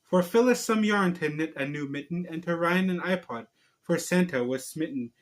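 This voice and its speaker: This online video host is a man who speaks at normal speed in a voice on the high side. Along with casual chatter, he reads a storybook aloud in a loose, slightly uneven way.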